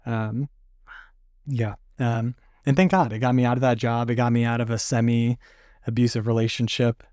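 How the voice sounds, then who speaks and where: A young man who survived a stroke talks candidly about his experience as a podcast guest, in casual conversation with many fillers and some laughs. His medium-pitched voice is darkish with a level tone and moderate pace. The studio sound is clean with no echo.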